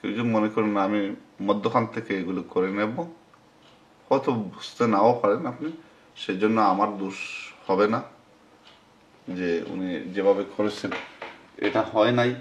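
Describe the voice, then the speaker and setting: A man teaching Quran recitation in a screen-recorded lesson, sounding out syllables slowly and repeating them. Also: on the low side, lo-fi sound.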